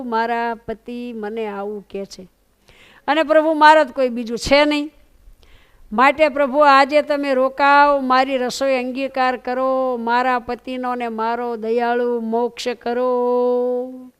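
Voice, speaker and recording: A woman's voice: sits high, clean tone. A woman voicing a grieving widowed village woman who pleads tearfully in prayer.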